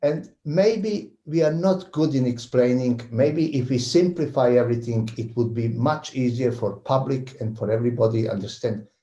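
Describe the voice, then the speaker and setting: A man's voice: medium pitch, normal speed, hardly any pauses, dark tone. A man from Croatia presenting on a veterinary webinar, speaking carefully and repeating words now and then. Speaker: veterinary academic panelist. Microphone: video call. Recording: dull, echoey video call audio.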